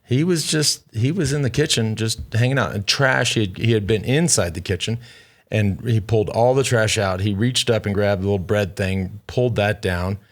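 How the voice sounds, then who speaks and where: A man with a lowish voice spins a casual story on a podcast, animated and rambling, swearing freely and restarting his sentences as he goes. He talks like he's among friends. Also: moderate pace. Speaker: podcast co-host.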